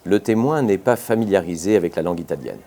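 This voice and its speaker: A man reading a classic detective story aloud as an audiobook narrator, in a measured, expressive manner. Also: low-pitched. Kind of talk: scripted narration.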